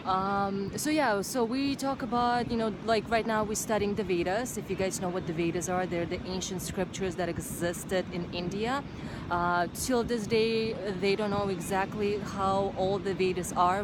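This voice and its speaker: Woman on a noisy beach. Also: mid-range voice. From Uzbekistan. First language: Russian. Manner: thoughtful, hesitant with many fillers. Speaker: vlog host. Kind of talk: casual chat. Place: outdoors on a beach. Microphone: handheld phone camera. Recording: loud outdoor beach noise.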